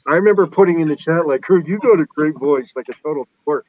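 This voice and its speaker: A man's voice: on the high side, quick pace. A man hosting a casual DJ stream chat, joking and rambling. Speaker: host of a DJ stream. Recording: muffled lo-fi mic.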